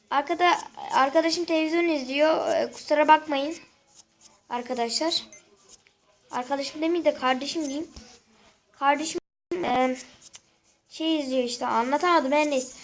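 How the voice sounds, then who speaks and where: A gaming channel host with a high voice and a sore throat talks casually through a gameplay walkthrough, continually calling her viewers friends. The audio is poor, with faint game music underneath.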